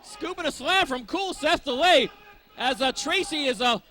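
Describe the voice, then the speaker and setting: A man's voice: extremely high pitch, expressive, moderate pace, a crowd in the background, background noise. A man giving live wrestling play-by-play commentary in wordy, descriptive phrases.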